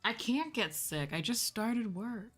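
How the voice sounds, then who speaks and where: A woman streamer and VTuber host chats candidly and casually with her viewers, rambling, ranting, and swearing. Her voice is a little high, animated, and unhurried with a breathy edge, and soft music plays in the background.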